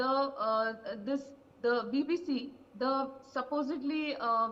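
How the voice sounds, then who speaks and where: A woman speaking as a panelist on a live news broadcast, measured and full of fillers. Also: high voice, in a large hall, highs cut off.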